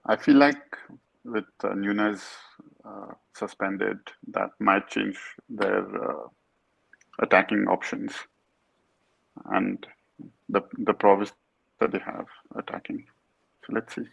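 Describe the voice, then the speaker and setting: A man's voice: on the low side, steady tone, slow pace, vocal fry, long pauses, fairly bright tone, slightly rough. A man co-hosting a football podcast in casual chat, often trailing off mid-thought. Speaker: podcast co-host.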